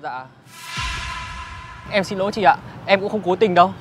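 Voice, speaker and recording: An actor playing a gentle, patient young man in a wheelchair who consoles his girlfriend and speaks to viewers. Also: sits high, normal speed, close to an everyday voice. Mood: apologetic. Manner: soft-spoken, calm, consoling. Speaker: wheelchair user selling goods. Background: background music.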